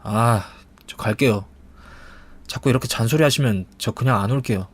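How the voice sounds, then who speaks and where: A man's voice: mid-range voice, normal speed, breathy edge, close to an everyday voice. A man voicing an idle, sulky young brother-in-law who whines and dodges. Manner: whiny, evasive.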